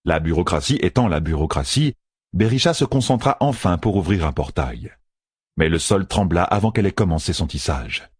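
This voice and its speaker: A man narrating a fantasy audiobook with expressive, dramatic storytelling. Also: sits low, moderate pace, slightly rough, no echo, clean studio sound.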